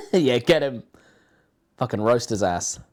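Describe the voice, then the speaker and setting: A man's voice: medium pitch, lively intonation, slow. A man hosting a casual watch-along stream, sarcastic and dry, with plenty of swearing. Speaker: stream host.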